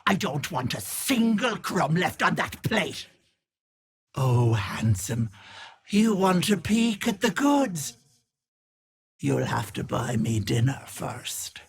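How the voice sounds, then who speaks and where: An actress playing a sinister old hag who poses as a kindly auntie in a video game, cooing mocking endearments in a theatrical way. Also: female voice, low-pitched, sing-song, slow, creaky, breathy edge, heavily acted. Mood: taunting, cajoling. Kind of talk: video game character acting.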